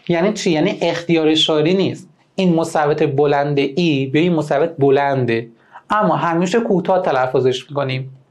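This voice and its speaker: A young man teaching a lesson on poetic meter, who chants the metrical feet slowly and then explains them quickly. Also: fairly high pitch.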